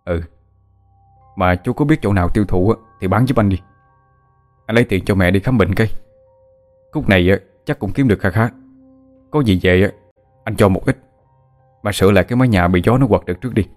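A man doing a gentle caring son. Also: fairly low pitch, a little fast, long pauses, faint music behind, close to an everyday voice.

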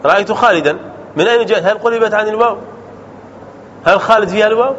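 A man teaching an Arabic grammar lesson as a sheikh, explaining rules and quizzing his students with quick questions. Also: high voice, a bit bright. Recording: dull lo-fi sound with faint noise.

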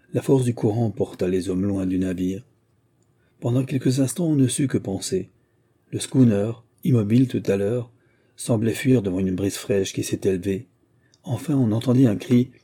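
A man reading a novel aloud as an audiobook, in steady, measured narration. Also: lowish voice, breathy edge. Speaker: audiobook reader. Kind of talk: scripted narration.

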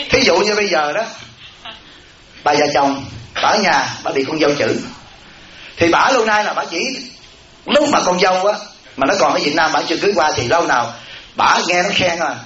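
A Buddhist monk, the abbot of a temple, giving a dharma talk in a folksy way, acting out everyday voices and often asking "right?". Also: male voice, high-pitched, a little fast, pauses often, pushed and bright. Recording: echoey lo-fi hall recording with audience.

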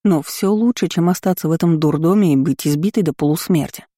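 A woman's voice: deep voice, brisk, dark tone, no room sound, studio quality. A woman narrating a first-person novel as an audiobook, reading steadily and expressively.

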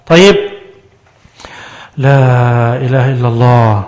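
A man with an Egyptian Arabic accent giving a religious lesson on Quran verses, lively and full of rhetorical questions. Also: medium pitch. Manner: animated, rhetorical questions, quick asides. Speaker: Quran teacher.

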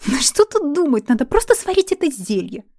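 A woman's voice: high-pitched, very animated, a little fast, a little mellow, dry recording, studio quality, pitched above the performer's own voice. A woman voicing a panicky, hysterical adult male elf teacher who keeps pleading and breaking into nervous outbursts in a storybook reading.

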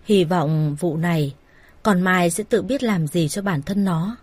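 A woman's voice: lowish voice, measured pace, darkish tone, breathy edge, dry recording. A woman doing a weary disappointed father.

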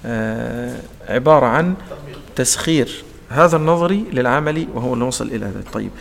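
A man's voice: mid-range voice, animated, fairly quick, creaky, big-room sound, a little hiss or hum. A man with an Egyptian accent teaching Quran recitation, asking his own questions and acting out the sounds. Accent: Egyptian Arabic. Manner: asks his own questions and answers them, demonstrates sounds. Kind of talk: explanatory lesson in colloquial speech.

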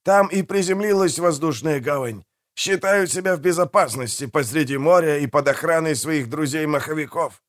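Man doing a loud, greedy pirate mayor. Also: on the high side, moderate pace, hardly any pauses, pitched above the performer's own voice, close to an everyday voice. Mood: gloating. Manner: loud, barking orders.

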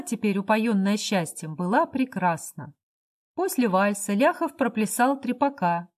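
A woman reads a story aloud as an audiobook, her narration steady and expressive. Her pitch sits in a middle range.

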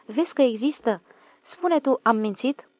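A woman's voice: fairly high pitch, lively intonation, a little mellow, no room sound, voice pushed up, close to an everyday voice. A woman voicing an eager, bossy and suspicious station chief in an audiobook. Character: excitable fussy middle-aged male station chief. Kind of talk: audiobook character voice.

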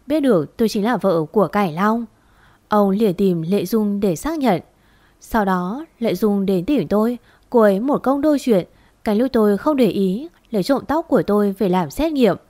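Female narrator for a spoken story, middle-pitched voice, steady even delivery, dry close recording. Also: dry recording.

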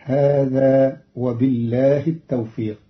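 A man formally explaining Quran reading variants in a measured, deliberate way, reciting each verse before explaining it. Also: medium pitch, fairly even intonation. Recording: dull lo-fi old radio recording.

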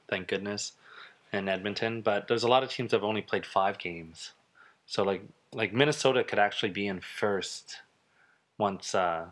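A man's voice: lowish voice, a bit bright. A man hosting a casual soccer podcast, chatting and laughing with his co-hosts. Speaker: podcast host. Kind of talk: casual sports chat.

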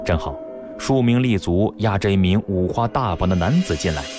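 A man telling a story in radio narration with an expressive, dramatic delivery. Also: sits low, moderate pace. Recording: radio broadcast with faint music.

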